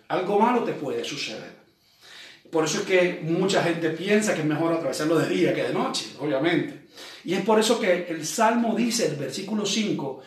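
A man preaches in a relaxed, conversational way, reading verses slowly before unpacking them and often asking his listeners rhetorical questions. His voice sits a little high for a man. He sounds set back from the microphone in a very echoey room. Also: recorded from a distance. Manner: reads scripture aloud slowly, then explains it. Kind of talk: sermon.

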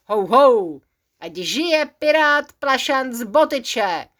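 A woman's voice: sits high, flat delivery, lightly acted. A woman voicing a mischievous little male pirate imp in a bedtime story, cheeky and sing-song. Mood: gloating.

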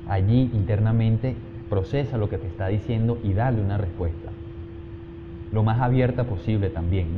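Man, mid pitch, earnest advice vlogger; dull lo-fi recording with steady background noise. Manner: emphatic, repeats checking tag questions. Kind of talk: direct-address advice talk.

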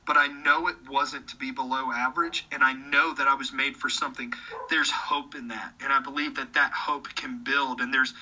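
A podcast guest in his thirties speaks with real conviction in a casual conversation. His fairly high voice is strikingly bright and forceful, and he earnestly repeats words when starting sentences. The recording sounds slightly dull and lo-fi.

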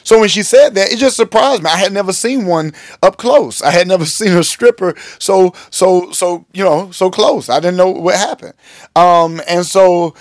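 A man, a pastor and podcast host, telling a story from his church in an animated, joking way. He often restarts his words and jumps up high when he acts surprised. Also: no echo, clean studio sound. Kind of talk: casual storytelling monologue.

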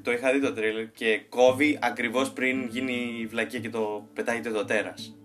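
Male co-host, mid-pitched, easygoing film talk with lots of pauses, light guitar in the background. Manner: relaxed, thinking aloud with many hesitations. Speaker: podcast co-host. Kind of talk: casual film review chat.

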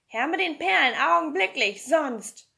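A woman putting on a shouting brute of a sailor. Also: high voice, very animated, moderate pace, creaky, full character voice. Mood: angry shouting. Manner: shouting, threatening. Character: rough angry male sailor, bully.

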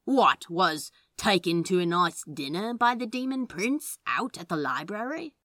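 A woman's voice: fairly low pitch, big pitch swings, a little slow, a bit bright, no echo, clean studio sound, heavily acted. A woman voicing a sardonic male demon who drawls lazily and teases. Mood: teasing. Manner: lazy drawl, mocking.

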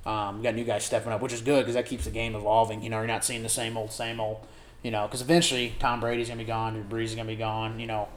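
A man co-hosting a casual sports talk show, animated, laughing easily and trailing off mid-sentence. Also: lowish voice, fast talker. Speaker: podcast co-host. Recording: roomy with faint background noise.

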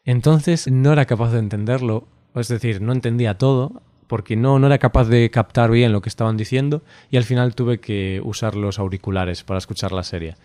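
A man from Spain co-hosting a podcast in casual, unscripted conversation, relaxed and chatty with frequent laughs and hesitant fillers. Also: mid-range voice, a little fast, hardly any pauses, no room sound. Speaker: podcast co-host.

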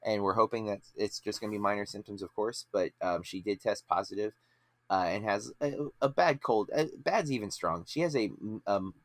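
With a fairly low pitch and a normal pace, this podcast host talks movies in an echo-free recording. He's in his late thirties, and his easygoing chat drifts around with lots of fillers and restarts.

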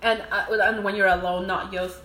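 Speaking at normal speed with a medium pitch, a young Mexican woman talks casually as a guest on a podcast interview. She's relaxed and thoughtful, using many ums, and the room sounds echoey with a bit of faint noise.

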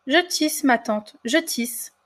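A woman voicing a timid young peasant girl in a storybook reading, speaking softly and gently. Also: sits high, lively intonation, takes it slowly. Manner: soft, gentle pleading.

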